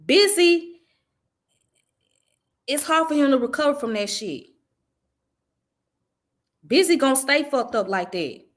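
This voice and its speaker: A Southern-raised woman hosts her own channel, offering blunt, profane, chatty commentary in a casual vlog. Her voice is high and animated, and she speaks slowly with frequent pauses.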